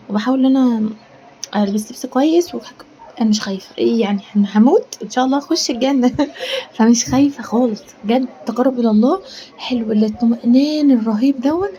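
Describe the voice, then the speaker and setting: Fast-talking Egyptian woman, muffled sound. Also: on the high side, warm tone. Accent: Egyptian Arabic. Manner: earnest, rambling, drops to whispers at times. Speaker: cooking channel host. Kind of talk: casual chatty vlog. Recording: dull lo-fi sound with faint room ambience.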